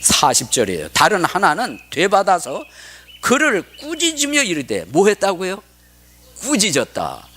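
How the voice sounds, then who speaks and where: A male pastor preaching a sermon, asking the congregation questions and answering himself. He reads scripture in a raised, slowed voice and drops to a whisper for emphasis. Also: high voice, huge pitch swings, a bit bright.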